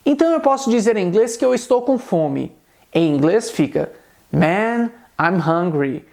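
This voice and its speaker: Lively Brazilian man teaching English. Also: very high voice, gravelly. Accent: Brazilian Portuguese. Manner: explains patiently, slows right down to model English sentences. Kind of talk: online language lesson.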